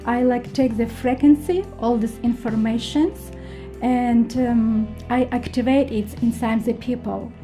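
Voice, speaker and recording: Ukrainian-accented woman, halting and mellow. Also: a little high, faint music behind. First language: not English. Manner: halting non-native English with many ums. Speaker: guest healer. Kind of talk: radio interview answers.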